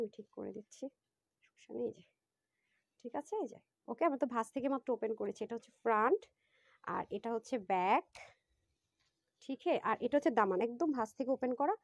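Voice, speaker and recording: A woman selling clothes on a live phone stream, chatty and excited, talking straight to viewers. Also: on the high side, no room sound. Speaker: online clothing seller.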